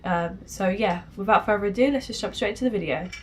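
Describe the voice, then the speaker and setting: A woman's voice: mid-range voice, quick pace, soft background music. Young woman, nasal from a cold. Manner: chatty, casual, with frequent ums. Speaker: beauty vlogger. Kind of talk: makeup tutorial talk.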